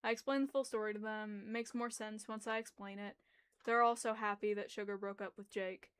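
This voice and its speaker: This young adult woman reads a story aloud and chats informally on her livestream, which she hosts. Her medium-pitched voice is smooth and fairly bright, brisk with fairly even intonation. She sounds hesitant and apologetic, talking through a locked jaw so her articulation is slightly muffled.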